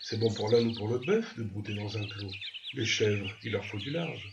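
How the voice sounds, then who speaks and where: A man voicing a young female goat who answers softly and calmly but will not give in, with birds behind. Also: on the low side, moderate pace, gravelly, distant mic, background noise. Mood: wistful. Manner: quiet, calm insistence. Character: young female goat, stubborn and soft-spoken. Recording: dull lo-fi, birds chirping behind.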